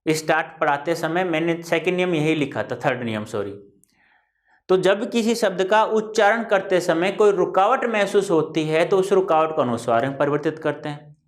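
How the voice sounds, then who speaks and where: A male teacher giving a spelling lesson, repeating words slowly and calling his students "beta". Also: fairly high pitch. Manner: repetitive, drawn-out explaining, addressing students as "beta". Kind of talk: classroom-style Hindi spelling lesson.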